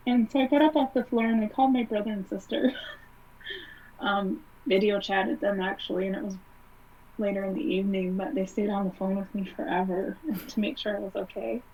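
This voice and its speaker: A woman with a husky, slightly breathy voice recounts a personal story as a podcast guest, talking casually and leaning on fillers. She sits a little back from the mic, and the audio sounds dull and muffled. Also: medium pitch, fairly even intonation, moderate pace, far from the mic. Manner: conversational, frequent "like" and "um" fillers. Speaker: interview guest.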